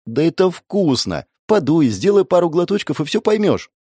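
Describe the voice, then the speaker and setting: A man voicing a cheerful, insistent young woman sniper with a sweet tooth in an audiobook, bubbly and squeaky when she pleads. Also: big pitch swings, normal speed, dark tone, slightly rough, no echo, studio quality. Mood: eager. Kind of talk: audiobook character voice.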